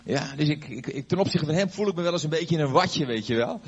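Older male pastor with a husky voice, chatty storytelling sermon, dull lo-fi recording. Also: a little high, animated, quick pace. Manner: conversational storytelling with fillers and questions to the audience. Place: before a live audience.

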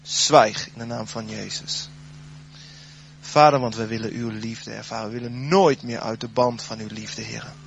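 A man preaching a sermon, then leading a spoken prayer, his voice swelling loud and dropping soft. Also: mid-range voice, fairly even intonation, normal speed, vocal fry, muffled recording, slight background noise.

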